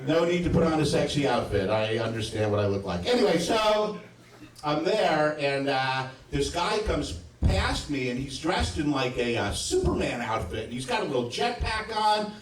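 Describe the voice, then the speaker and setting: A man's voice: fairly high pitch, big pitch swings, normal speed, slight background noise. A man in his fifties doing a crude, rambling live stand-up set, with frequent asides to the audience. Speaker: stand-up comedian. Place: comedy club stage. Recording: roomy, distant club recording.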